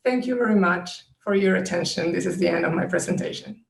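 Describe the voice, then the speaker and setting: A woman's voice: on the low side, a little fast, creaky. A woman from Peru finishing a webinar presentation, earnest and emphatic. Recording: echoey distant call audio.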